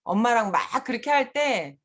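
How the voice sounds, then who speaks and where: A woman's voice: fairly high pitch, animated, normal speed, fairly bright tone. A middle-aged woman speaking candidly at a seminar as a mother and school principal, often laughing while she talks. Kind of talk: conversational seminar talk.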